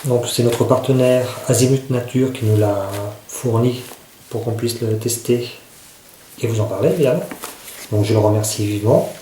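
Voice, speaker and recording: A man talks through a piece of outdoor gear in a loose, informal way, circling back to repeat his points as he shows it off. His voice is dark and mellow, and it bounces around a roomy, echoey space with a faint hiss behind it. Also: mid-range voice, moderate pace. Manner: informal, repeats himself, demonstrates while talking. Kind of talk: casual product demonstration. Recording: roomy echo, faint noise.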